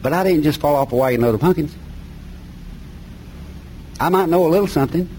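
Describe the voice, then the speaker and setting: A man's voice: fairly high pitch, fairly quick, darkish tone, low-quality recording. Folksy Appalachian preacher man with background noise. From mountains of North Carolina, USA. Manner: folksy, plain-spoken, colloquial grammar. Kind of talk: sermon with scripture reading.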